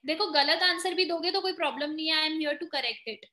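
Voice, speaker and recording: A woman's voice: high-pitched, moderate pace, bright, forceful tone, echoey room. A woman with an Indian accent teaching grammar in an online exam-prep lesson, explaining step by step and quizzing her students. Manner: explains in mixed Hindi and English, quizzing students.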